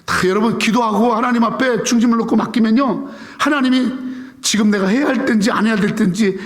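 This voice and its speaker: A Korean-accented pastor in his fifties preaches a Sunday sermon in a church sanctuary. His voice sits high for a man, and he delivers with animated drama. He swings between emphatic lines and soft, hushed pleas. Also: fairly quick. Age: 50s.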